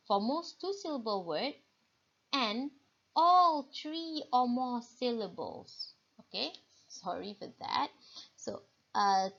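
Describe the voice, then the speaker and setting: Woman, teacher, unhurried, gravelly tone, dull lo-fi recording. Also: on the high side, fairly bright tone. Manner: slow, repeats key points and asks okay. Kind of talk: recorded grammar lesson.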